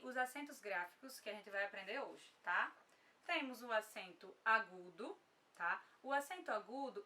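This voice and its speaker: A woman's voice: on the high side, bright, forceful tone, far from the mic. A woman with a Brazilian Portuguese accent teaching an online grammar lesson, patient, often checking in with her students.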